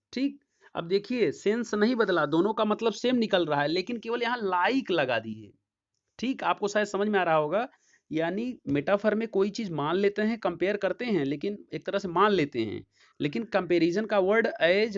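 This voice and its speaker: A man with a Hindi accent giving an English lesson as a teacher, explaining slowly and checking often that students follow. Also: high voice. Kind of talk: classroom lecture. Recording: dull lo-fi sound.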